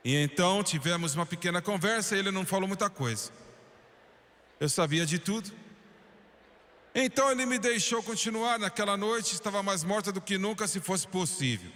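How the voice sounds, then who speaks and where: A man's voice: sits high, animated, a little fast. Fervent man preaching in a reverberant hall. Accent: Brazilian Portuguese. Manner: fervent storytelling, swings from hushed to emphatic. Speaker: preacher voice-over in Portuguese. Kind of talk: dubbed sermon storytelling.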